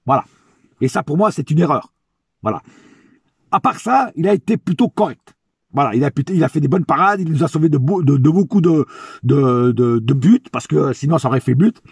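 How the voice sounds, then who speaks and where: A man's voice: on the high side, lively intonation, brisk, darkish tone, slightly rough, no echo, clean studio sound. A man giving a casual, slangy solo football debrief, ranting bluntly with some swearing and repeating phrases for emphasis. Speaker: football fan vlogger giving player ratings.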